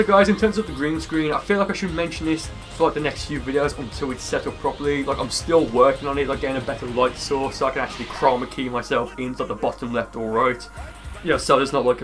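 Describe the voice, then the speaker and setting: A man's voice: medium pitch, fairly even intonation, fast talker, fairly bright tone. A man giving casual gameplay commentary in a rambling, conversational way. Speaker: gaming video creator. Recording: music behind the voice. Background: music.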